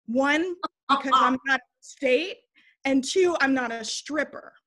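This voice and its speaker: A young woman, an interview guest, telling a candid story in a blunt, animated way, swearing freely and acting out what people said. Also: high voice, unhurried. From United States. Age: young adult.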